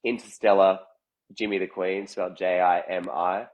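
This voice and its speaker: A man's voice: low-pitched, little pitch movement, moderate pace. A man, a musician guest, with a nasal voice, talking on earbuds in a video call and laughing often. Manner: laughs a lot, upbeat. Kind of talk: casual chat.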